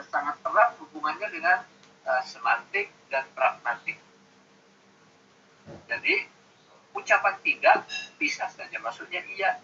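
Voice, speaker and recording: Bright-voiced male lecturer on muffled call audio. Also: a little high, slight background noise. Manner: explanatory, acts out example intonations, many fillers. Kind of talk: online university lecture. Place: home, online class.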